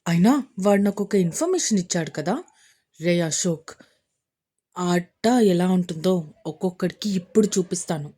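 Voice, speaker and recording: A woman voicing an angry, vengeful man who plots a killing, with a lower, threatening voice in a storybook reading. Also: expressive, moderate pace, mellow, breathy edge. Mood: scheming. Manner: threatening, hissing revenge.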